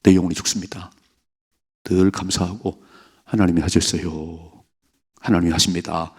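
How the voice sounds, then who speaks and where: A man's voice: deep voice, level tone, normal speed, a little mellow, breathy edge. A man pastor giving an early-morning sermon in a church, preaching emphatically and asking the congregation many rhetorical questions. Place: church sanctuary.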